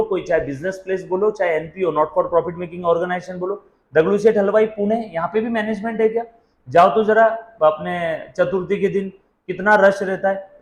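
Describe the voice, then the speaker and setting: A man teaching a commerce class, putting questions to his students and answering them himself. He mixes Hindi with English phrases, calls the students "beta" and dictates definitions slowly, word by word. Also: on the high side, echoey room, low-quality recording. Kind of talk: classroom lecture.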